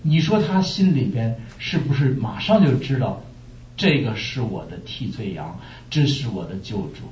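A man from China preaching a sermon, telling stories lively and asking rhetorical questions. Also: medium pitch, normal speed, slight background noise. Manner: animated storytelling with rhetorical questions. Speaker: pastor. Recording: echoey room, distant muffled mic.

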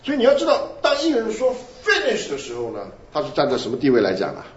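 A man preaching a sermon, animated, asking his listeners questions and answering them himself. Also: fairly high pitch, quick pace. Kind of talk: sermon teaching. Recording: roomy, dull lo-fi recording.

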